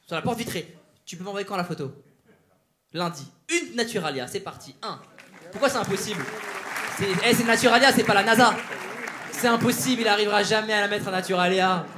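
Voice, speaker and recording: A male stand-up comedian doing crowd work on stage, teasing audience members with quick banter. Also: high-pitched. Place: theater stage before a live audience. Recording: live show with loud audience laughter and noise.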